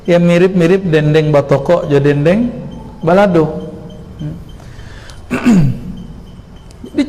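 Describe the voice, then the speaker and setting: Preacher with a lilt. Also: male voice, sits high. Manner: lively, asks the congregation rhetorical questions. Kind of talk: sermon. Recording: long hall reverb with faint noise.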